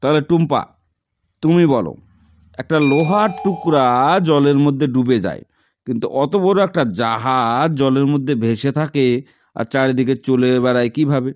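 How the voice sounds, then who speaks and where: A man's voice: medium pitch, moderate pace, highs cut off, close to an everyday voice. A man voicing an exasperated, scolding schoolmaster in a comedy cartoon, theatrical. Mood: questioning, instructive. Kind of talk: comic cartoon dialogue.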